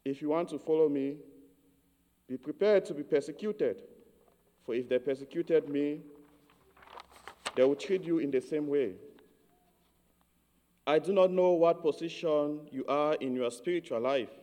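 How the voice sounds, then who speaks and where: A man from Cameroon giving a measured, earnest homily as a priest. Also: on the high side, dark tone, in a large hall.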